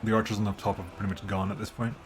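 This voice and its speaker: A man's voice: lowish voice, flat delivery, racing. Man doing casual game commentary over music. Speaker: video game streamer.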